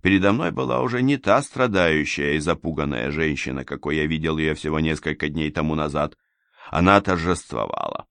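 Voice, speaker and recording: A man narrates an audiobook in a measured, even way. His voice sits very low, and the recording is dry and close with no room sound. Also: vocal fry, clean tone, no echo.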